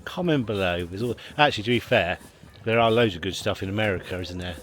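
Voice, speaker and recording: A family vlogger chats casually to the camera, rambling and chuckling between remarks in a fairly low, fast male voice. He starts outdoors in a car park and later moves to a leisure pool. The handheld vlog footage carries loud background noise.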